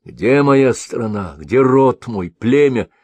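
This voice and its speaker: A man's voice: medium pitch, lively intonation, slow, darkish tone, no echo, voice pushed up. A man voicing a grim, weary old mercenary warlord who speaks curtly and grumbles. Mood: stern. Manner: curt, unmoved, grumbling.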